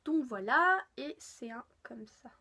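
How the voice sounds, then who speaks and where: A woman's voice: high voice, expressive, slow pace, pushed and bright, a little hiss or hum. An eighteen-year-old woman from France chatting casually through a makeup haul, gushing with lots of fillers. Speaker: beauty vlogger. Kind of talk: casual haul video chat.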